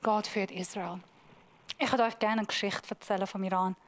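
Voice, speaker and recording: A woman pastor giving a sermon, preaching emphatically and slowing down to stress key points. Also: mid-range voice, fairly even intonation. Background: music.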